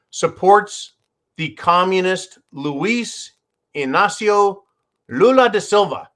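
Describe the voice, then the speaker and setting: Sarcastic and profane, this channel host offers opinionated takes on the news and often addresses his audience as folks. His voice is fairly high in pitch and a bit bright.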